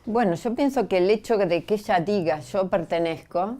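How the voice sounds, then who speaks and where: A woman's voice: medium pitch, normal speed, warm tone. A woman speaking on a panel discussion, explaining in a thoughtful way and often checking in with rhetorical questions. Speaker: panel guest.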